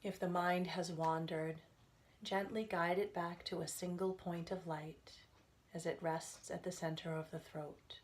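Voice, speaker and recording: With a lowish voice and flat delivery, a woman works as a meditation instructor, guiding a relaxation session. She keeps her words soft and calming, moving slowly and pausing often.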